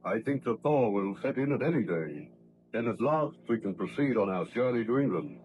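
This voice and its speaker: An actor playing a courteous, steady ship's captain, formal and measured, in 1930s radio style. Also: male voice, medium pitch, phone-quality sound, soft background music, natural voice. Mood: genial, formal. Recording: noisy vintage radio drama recording.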